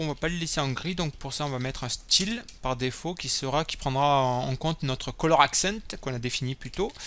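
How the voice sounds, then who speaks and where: A man's voice: fairly high pitch, fairly bright tone, slight background noise. A man hosting a screencast coding tutorial, casually thinking aloud as he types and explains each step. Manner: casual, thinking aloud while typing code.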